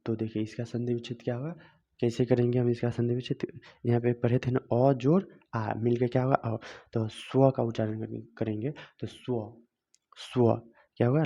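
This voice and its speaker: A man gives a grammar lesson in a mellow, dark voice. He keeps asking questions and answering them himself, going over each step again. The recording sounds dull and lo-fi. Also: medium pitch. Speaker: Hindi grammar teacher. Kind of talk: video lesson.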